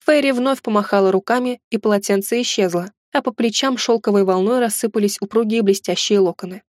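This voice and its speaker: A woman narrates a first-person fantasy novel in a steady, measured reading voice. Her pitch sits in the middle of the range. The sound is close and dry, with no room around it. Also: no room sound. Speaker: audiobook narrator.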